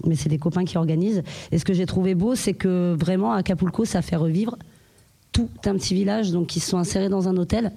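A woman's voice: lowish voice, vocal fry, dark tone. A woman talking in a casual group chat, hesitant, with many fillers and restarts.

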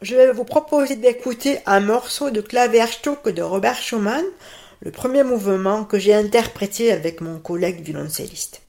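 A woman, a pianist and teacher calmly answering radio interview questions. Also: mid-range voice, normal speed, creaky. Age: 50s.

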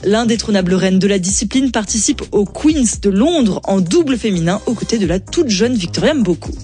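A woman reading the radio news in a clear, measured way from a studio. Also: mid-range voice, lively intonation. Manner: clear, measured newsreader delivery. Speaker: news presenter. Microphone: studio microphone.

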